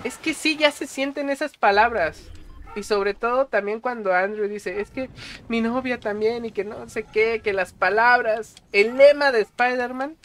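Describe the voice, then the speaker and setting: A man with a Mexican accent reviewing a movie on a casual stream, excitable and full of slang and swearing. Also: extremely high pitch, measured pace, a little hiss or hum.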